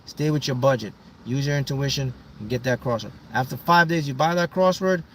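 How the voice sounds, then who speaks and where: A man hosting a livestream, giving casual psychic readings to viewers, talking in halting bursts and dropping low and slow at the ends of lines. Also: a bit bright. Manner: halting, restarts often, drops low and slow on closing words. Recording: voice a little far from the mic, faint background hum.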